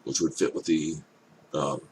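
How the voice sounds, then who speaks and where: An older man with an elderly-sounding voice gives casual off-the-cuff commentary, thinking aloud in halting, hesitant phrases. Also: extremely low pitch, fairly even intonation, darkish tone. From Canada. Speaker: reaction video host. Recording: clear background noise.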